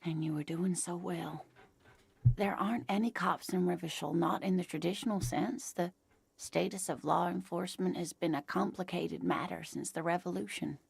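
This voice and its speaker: Brief: motherly game woman, gentle, gravelly low voice, dry studio sound. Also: steady tone, moderate pace, no room sound, full character voice. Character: kindly woman explaining history to a lost cop.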